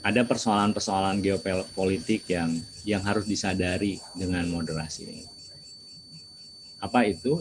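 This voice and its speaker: A man's voice: low-pitched, noisy background. A man giving a lecture to students, asking rhetorical questions and answering them himself. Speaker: seminar speaker.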